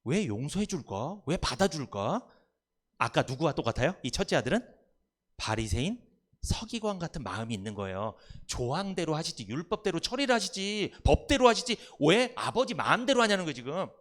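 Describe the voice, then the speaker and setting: A man preaching a Sunday sermon from a church pulpit, his voice sitting somewhat high. He swings his pitch widely as he puts questions to the congregation and then answers them himself. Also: sing-song, fairly quick, a bit bright. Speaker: pastor. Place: church sanctuary.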